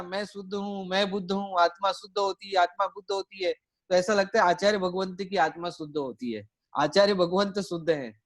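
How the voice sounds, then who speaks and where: A man giving a Jain sermon to a seated audience, telling a story and putting questions to his listeners. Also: sits high. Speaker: Jain preacher. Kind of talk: sermon with a told anecdote. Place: hall with a live audience.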